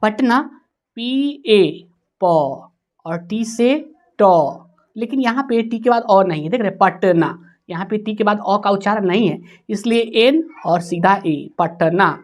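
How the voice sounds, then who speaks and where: A woman gives a spelling lesson at a very slow, deliberate pace, spelling each word out one letter at a time. Her pitch sits in the middle range for a woman. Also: a little mellow. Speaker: teacher.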